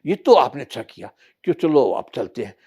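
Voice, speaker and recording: A man's voice: mid-range voice, sing-song, fairly quick, warm tone, breathy edge. A man voicing goddess Parvati, a kind female deity, coaxing and pleading for the poor in a told parable. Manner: coaxing, pleading on others' behalf.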